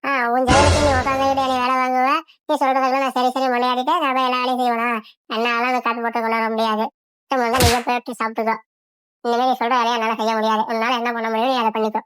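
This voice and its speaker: A woman voicing a young, sharp-tongued daughter-in-law in a cartoon, with impatient, snappy retorts. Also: a little high, flat delivery, rapid-fire, soft background music, close to an everyday voice. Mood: defiant. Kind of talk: cartoon voice acting.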